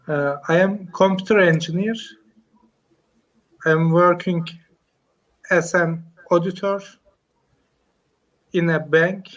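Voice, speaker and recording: A Turkish computer engineer learning English chats on a video call during a casual online lesson, hesitating and using many fillers as he searches for words. He has a Turkish accent and a voice that sits high, speaking slowly with frequent pauses and fairly even intonation. The sound is lo-fi.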